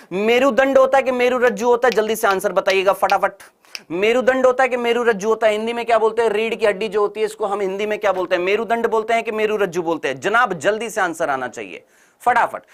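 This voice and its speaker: A male teacher gives an online exam-prep lecture. He repeats each question and answer in call-and-response drills and talks in a brisk, teasing way, pushing students to answer fast. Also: high voice, a bit bright.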